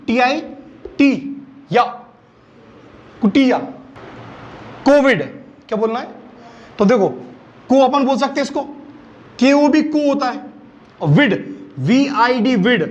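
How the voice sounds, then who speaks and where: A man teaching English phonics, spelling words letter by letter and asking repeated questions. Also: very high voice. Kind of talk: phonics lesson. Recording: dull lo-fi recording.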